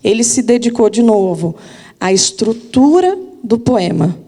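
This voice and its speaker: Casual woman teacher, fairly high and mellow voice, long hall reverb. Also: expressive, unhurried. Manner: chatty, informal, asks listeners for agreement. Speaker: literature teacher. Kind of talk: casual video lesson.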